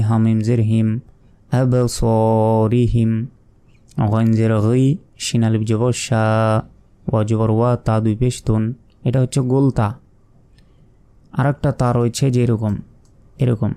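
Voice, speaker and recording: A man's voice: mid-range voice, warm tone. A man teaching Quran reading, spelling each word letter by letter with its vowel marks and explaining the rules step by step in a patient, explanatory way. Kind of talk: step-by-step spelling lesson with slow recitation.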